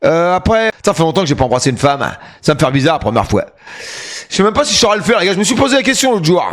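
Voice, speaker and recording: A middle-aged man chatting and joking on a live stream, with loud hype bursts. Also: high-pitched, very animated, racing. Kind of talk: casual live-stream chat.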